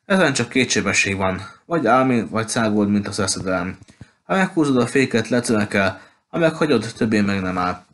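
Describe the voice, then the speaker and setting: A man's voice: fairly low pitch, expressive, fairly bright tone. A man voicing an annoyed, complaining teenage boy in an audiobook. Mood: grumbling. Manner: complaining, exasperated. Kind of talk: audiobook character voice.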